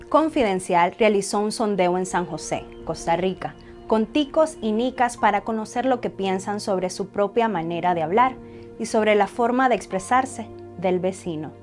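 A woman from Nicaragua reading scripted news narration in an even, measured way. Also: medium pitch. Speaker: reporter narrator.

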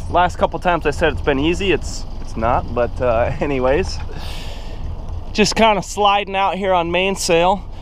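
Young man, easygoing boat vlogger, slow and high-pitched, on an action cam on deck. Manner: relaxed, rambling, with fillers and chuckles. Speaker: sailing vlogger. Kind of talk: casual vlog narration. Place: sailboat cockpit at sea. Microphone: action camera on the boat. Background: upbeat music over wind and water.

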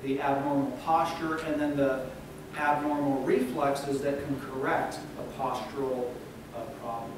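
A male university lecturer explaining to students, checking in with "okay?" and pausing on fillers. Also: medium pitch. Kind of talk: recorded classroom lecture. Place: lecture room. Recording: echoey room, distant mic, noisy.

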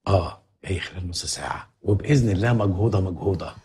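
An actor with an Egyptian accent playing a scheming, fast-talking go-between with a wheedling, conspiratorial manner. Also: male voice, deep voice, very noisy, natural voice. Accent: Egyptian Arabic. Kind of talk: Egyptian film comedy acting.

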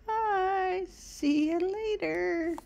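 A squeaky ventriloquist dummy of a friendly, agreeable puppet. The voice sits extremely high and comes out very slowly, in short, simple replies. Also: female voice, gravelly, a little mellow, heavily acted. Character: friendly, giggly, agreeable furry puppet named Charlie. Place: living room.

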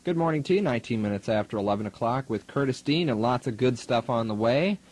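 He talks fast and expressively, a young American student DJ with a medium, slightly mellow voice, chatting wryly and announcing music. The recording is a 1980s college radio aircheck from the studio.

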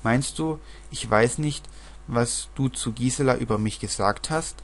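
A man reading the lines of a sharp-tongued, scornful little girl. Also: mid-range voice, unhurried.

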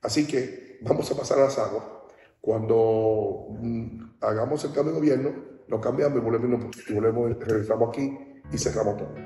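A man's voice: mid-range voice, moderate pace, dark tone, distant mic, slight background noise. A male pastor from the Dominican Republic preaching at a baptism, in a conversational style that keeps asking listeners whether they understand. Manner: conversational preaching, often asks "¿entiendes?". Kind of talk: sermon. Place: large hall at a baptism service. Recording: echoey hall, speaker off-mic.

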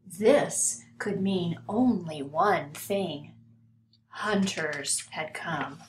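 An older woman reading a children's story aloud with measured, deliberate phrasing. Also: lowish voice. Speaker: storybook reader. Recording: roomy home recording, some hiss.

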